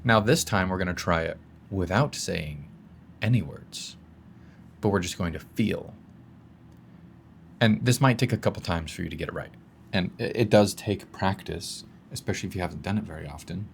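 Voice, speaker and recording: A man's voice: sits low, moderate pace, gravelly, a little hiss or hum. A man speaking as a coach in a casual self-help talk, guiding the listener through exercises and swearing now and then.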